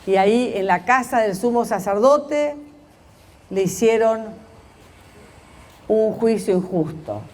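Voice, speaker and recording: A woman slowly telling a story as a meditation, pausing often and voicing the quoted lines of its characters. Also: medium pitch, a little mellow.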